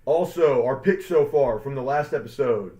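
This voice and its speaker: A man's voice: mid-range voice, moderate pace, dark tone. A man co-hosting a sports podcast in casual chat, rambling with lots of fillers and upbeat hype. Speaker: podcast co-host. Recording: dull lo-fi sound.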